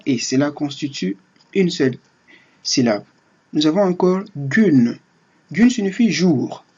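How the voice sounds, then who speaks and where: Male teacher, online lesson; breathy, higher-pitched voice; halting delivery with frequent restarts; muffled low-fidelity recording. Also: darkish tone. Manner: halting, often restarts words and opens with "alors". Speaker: Turkish language teacher.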